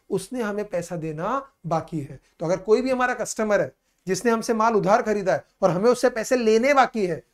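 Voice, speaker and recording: A patient male commerce teacher with a high voice gives a classroom lecture in a mix of Hindi and English. He explains things repetitively, calls his students "beta," and reads English definitions out slowly and deliberately.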